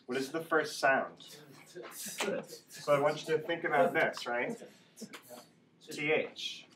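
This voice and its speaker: Male ESL teacher drilling phonics; unhurried delivery, distant mic in a noisy room. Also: fairly high pitch, steady tone. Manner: instructional, repeats sounds and checks with "right?". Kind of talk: classroom phonics lesson, slow drilling. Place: classroom. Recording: echoey room, distant mic, background noise.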